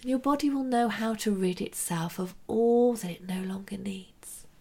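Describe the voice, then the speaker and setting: Female meditation guide, intimate hushed delivery close to the ear, slow and calming, gravelly fry in the voice. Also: medium pitch. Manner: slow, gentle, soothing.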